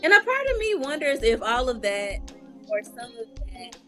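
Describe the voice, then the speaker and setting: Female co-host, calm matter-of-fact sports talk, music underneath. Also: on the high side, normal speed.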